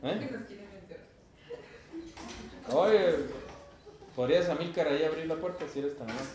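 A man with a Mexican Spanish accent leads a language class at an unhurried pace. He quizzes his students and translates each phrase for them. The recording is full of classroom echo. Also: fairly high pitch, a little mellow. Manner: slow, patient, asks the class questions. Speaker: Esperanto teacher. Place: university classroom.

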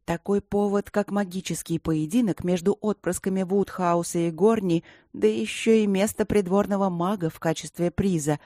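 A woman narrating a fantasy audiobook in an even storytelling manner, close to the mic. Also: mid-range voice, normal speed, few pauses, dry recording. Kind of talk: scripted narration.

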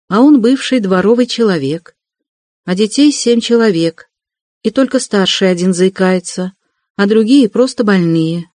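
A man reading an audiobook, voicing a timid, gentle young woman in a raised, soft and fervent voice. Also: high-pitched, no echo. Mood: earnest.

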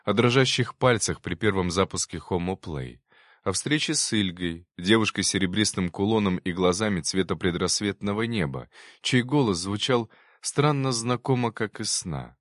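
A man narrating an audiobook in a calm, even storytelling manner. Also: fairly low pitch, normal speed, dry recording, clean studio sound. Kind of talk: audiobook reading.

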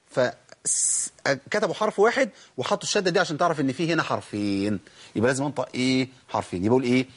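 Fast-talking husky Egyptian teacher. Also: male voice, medium pitch. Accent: Egyptian Arabic. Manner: asks the class questions, then answers them himself; stretches out example words slowly to demonstrate. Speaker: Quran recitation teacher. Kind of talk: tajweed lesson.

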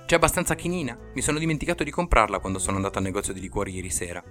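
A calm, clever masked crime-fighter, voiced by a male storyteller, speaks in a low, matter-of-fact way. He stays composed and practical, close to the reader's own voice. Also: very fast, soft background music, close to an everyday voice.

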